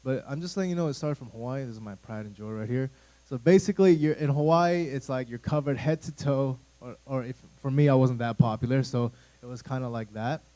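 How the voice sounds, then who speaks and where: A mid-range, brisk, mellow male voice, heard through a rough recording. The speaker, an American youth pastor in his thirties, addresses a church youth group in a church room with a casual, wandering talk full of fillers and asides.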